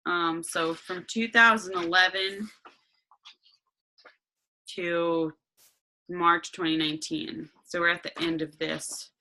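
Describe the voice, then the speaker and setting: A woman with a fairly low-pitched voice that has a bright, forward edge. She speaks as a spiritual meditation guide, addressing the listener directly. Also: steady tone, slow, pauses often, rough recording. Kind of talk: reading astrology notes, casual asides and slow guided meditation.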